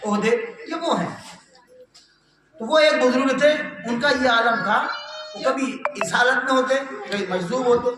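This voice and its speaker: High-pitched preacher booming in an echoey hall. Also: male voice, unhurried, distant mic, over music. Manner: rising into chanted, shouted verse, then dropping to a low telling tone. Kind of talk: sermon with storytelling. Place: religious gathering hall.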